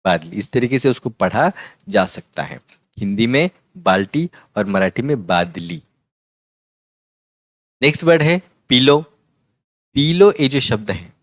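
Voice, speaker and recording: A man teaching a vocabulary lesson, patiently repeating each word slowly. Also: medium pitch, dry recording. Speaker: language teacher.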